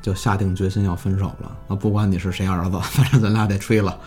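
A man telling a horror story in casual chat, animated and swearing freely. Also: fast, faint music behind. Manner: animated, jumps pitch for drama, swears casually.

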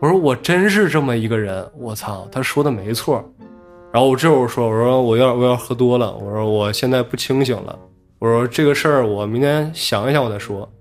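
A man casually telling a story from his own life on a podcast, animated and acting out what others said. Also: medium pitch, a little fast, faint music behind. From Inner Mongolia.

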